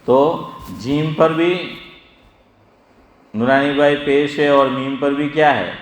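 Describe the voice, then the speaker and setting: A middle-aged religious scholar giving a sermon-style lesson, quizzing his listeners and calling on them by name as he slowly drills pronunciation. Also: a little high, fairly even intonation. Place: gathering hall, evening assembly. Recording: echoey hall with long reverb.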